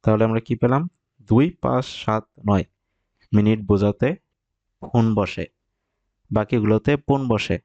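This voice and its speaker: A man teaching Japanese vocabulary, explaining step by step and repeating example phrases slowly. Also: on the low side, steady tone, mellow, no room sound, muffled recording. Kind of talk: recorded vocabulary lesson.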